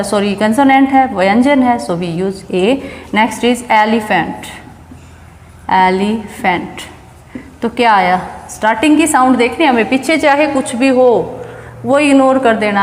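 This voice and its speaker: A woman's voice: a little high, slight background noise. A woman teaching an English grammar lesson, explaining step by step and asking and answering her own questions. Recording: echoey room with long reverb.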